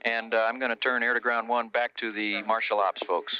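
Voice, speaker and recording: A man's voice: mid-range voice, level tone, fairly quick, slight background noise. A man working as a mission control communicator, passing procedural messages over a radio. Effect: heard over a radio. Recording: slightly dull radio transmission.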